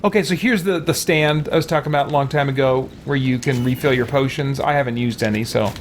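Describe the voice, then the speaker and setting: Fast and medium-pitched, this male let's play streamer rambles through casual gameplay commentary, thinking out loud and chatting with viewers as he reads and responds to chat. The background is noisy.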